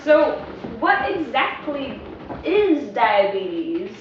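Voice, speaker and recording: Slow, high-voiced young woman asking questions. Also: big pitch swings, a little hiss or hum. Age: young adult. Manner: slow, exaggerated, wide-eyed questions. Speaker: student interviewer. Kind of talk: casual student video skit. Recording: echoey room, far from a dull mic.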